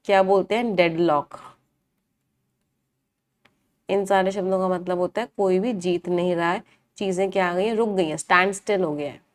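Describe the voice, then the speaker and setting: A woman's voice: mid-range voice, a little mellow. A woman teaching English vocabulary in a live online class, asking the class questions, answering them herself and repeating each meaning.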